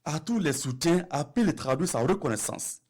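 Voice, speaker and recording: A man's voice: on the high side, animated, normal speed, a little mellow, breathy edge. A man narrating a television news report with a formal delivery.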